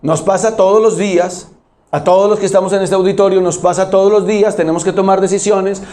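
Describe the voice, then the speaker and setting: A male pastor delivers a sermon to a congregation. His voice sits notably high for a man, and he presses each point hard. He keeps asking the room rhetorical questions. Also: steady tone, fairly quick, dark tone. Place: church auditorium.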